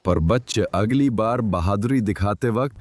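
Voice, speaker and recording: A man's voice: on the low side, normal speed, darkish tone, no echo, lightly acted. An actor playing a gloating, menacing kidnapper who mocks his captives in a dubbed drama. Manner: mocking, menacing. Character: gloating adult male kidnapper.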